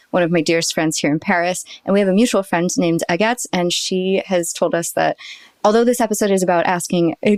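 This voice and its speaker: A woman's voice: mid-range voice, darkish tone, dry recording. A woman hosting a casual chat podcast in Paris, bubbly and laughing often. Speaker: podcast host.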